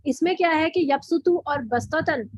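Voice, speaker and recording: A woman's voice: sits high, a little slow, no room sound, low-quality recording. A woman teaching a recitation class, explaining patiently, often repeating and correcting herself. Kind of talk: online class lesson.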